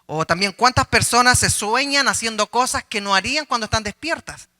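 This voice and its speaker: A man's voice: extremely high pitch, brisk, pushed and bright. A middle-aged man, a pastor giving a conversational sermon, telling a personal story with humor and questions to his listeners.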